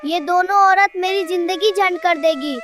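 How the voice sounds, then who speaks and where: A woman's voice: very high voice, moderate pace. A woman voicing an exasperated young son in a cartoon, with children's music behind him. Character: harried grown son, young man.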